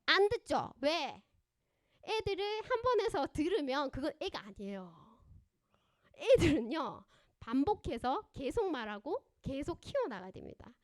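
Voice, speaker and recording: A woman counselor giving a parenting seminar at a church, animated and often quizzing her audience with questions. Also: high-pitched, measured pace. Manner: acts out parents and children in lively voices.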